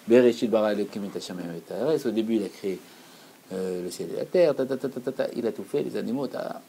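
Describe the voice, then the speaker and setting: Male Torah teacher, earnest and explanatory, warm dark tone, faint hiss behind. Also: lowish voice, quick pace, gravelly, poor audio. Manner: earnest, repeats key phrases for emphasis.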